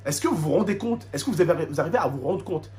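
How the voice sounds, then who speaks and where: A YouTuber with a French suburban street accent rants indignantly to camera at his subscribers, using street slang with Arabic interjections, repeating himself and firing off rhetorical questions. His voice is on the high side and a little mellow, expressive and fast.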